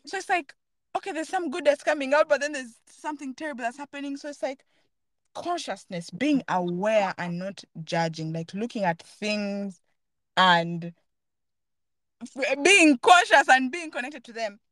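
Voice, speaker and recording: A woman's voice: sits high, animated, normal speed, fairly bright tone, dry recording. A woman hosting a podcast, talking earnestly and thoughtfully in a casual, reflective chat while searching for her words. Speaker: podcast host.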